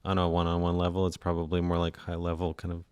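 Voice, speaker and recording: A man co-hosting a casual chat podcast, relaxed and laid-back, laughing along. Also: low voice, quick pace, smooth, no echo. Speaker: podcast co-host.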